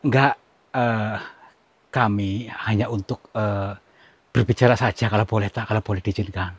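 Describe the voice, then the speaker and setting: A man, from Central Java, hosting a ghost-hunting vlog outdoors in a forest, giving hushed commentary and coaxing with repeated soothing words. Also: on the low side, fairly even intonation, normal speed, slightly rough, no room sound. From Central Java, Indonesia. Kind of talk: hushed on-location exploration commentary.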